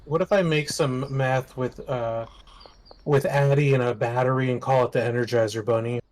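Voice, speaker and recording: A man's voice: medium pitch, steady tone, moderate pace, darkish tone. A man bantering casually while playing a game on a stream, joking and exclaiming. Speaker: co-player in a livestreamed game.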